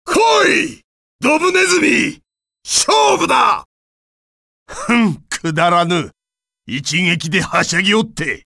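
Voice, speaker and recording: An actor playing an arrogant, menacing djinn villain in a video game, sneering and imperious in a gravelly, theatrical voice. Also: male voice, high voice, sing-song, slow, pauses often, sharp tone, no echo, clean studio sound, full character voice. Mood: taunting, fierce. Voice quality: raspy, gravelly.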